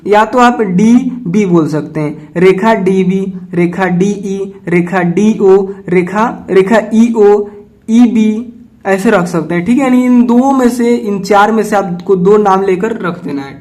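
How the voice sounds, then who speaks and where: A man's voice: sits high, normal speed, darkish tone. A young man from India, solving textbook maths exercises step by step and patiently checking in with his students. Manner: patient, repeats "ठीक है" and asks himself questions. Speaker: maths teacher.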